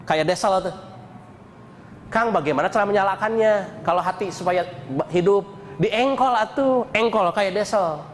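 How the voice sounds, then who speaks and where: A man giving an animated Islamic sermon, mixing chanted dhikr with colloquial jokes and stories. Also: high voice, normal speed, in a large hall, a little hiss or hum. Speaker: preacher. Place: mosque hall.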